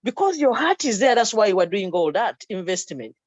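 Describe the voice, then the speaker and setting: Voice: medium pitch, very animated, fairly quick, no room sound. A guest from Uganda in a casual discussion, speaking animatedly and acting out little quotes. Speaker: guest caller. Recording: muffled dry lo-fi audio.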